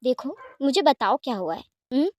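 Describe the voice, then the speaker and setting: A woman voicing a young man who gently soothes and comforts his beloved in an audio story. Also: sits high, sing-song, moderate pace, dry recording, highs cut off. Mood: tender. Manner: soft, soothing, affectionate.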